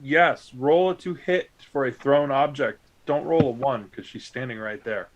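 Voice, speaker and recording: A man's voice: mid-range voice, normal speed, lo-fi sound. A man running a tabletop game as game master, describing monster attacks and calling on players, with hesitant fillers.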